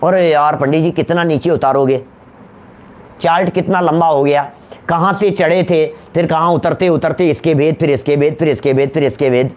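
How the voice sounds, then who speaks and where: A man giving a religious teaching lecture, repeating key terms, slowing down to stress them and asking his listeners questions. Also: a little high, fairly even intonation. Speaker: Jain scholar giving a discourse.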